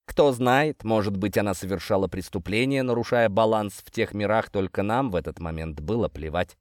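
A man narrating a first-person fantasy audiobook in an expressive storytelling manner. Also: fairly low pitch, moderate pace, no room sound, clean studio sound.

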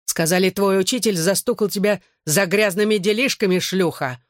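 A man voicing a drunk, violent father who growls his words slowly and heavily. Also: sits high, no room sound, studio quality, lightly acted. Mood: furious drunk. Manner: slow, heavy, snarling delivery.

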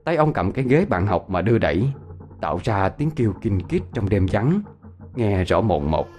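A man's voice: normal speed, soft background music. A man narrating a ghost story expressively. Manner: expressive, varied pitch.

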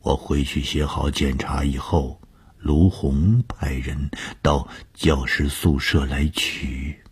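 A man narrating a first-person audiobook story, slow and often breathy, sometimes half-whispered. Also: very deep voice, flat delivery.

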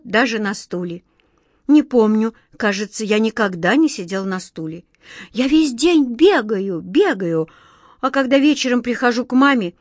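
A woman's voice: fairly high pitch, dry recording, studio quality, close to an everyday voice. A woman voicing a tired, guileless little page boy in a storybook, chatty and wistful.

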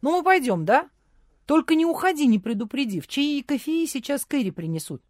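A brash, jovial boss man booms out his greetings and jokes, as a woman narrator puts him on. His voice is raised and lively, folksy and teasing. The audiobook sound is dry and close. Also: brisk, no echo. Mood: jovial, loud.

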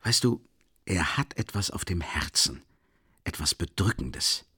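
Man doing a calm doctor, low and firm, kinda quiet, dry close sound. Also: measured pace, husky, dry recording, exaggerated voice. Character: calm, firm male doctor, measured and concerned.

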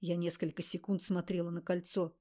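A woman narrating an audiobook in the first person with an even, measured reading. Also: fairly low pitch.

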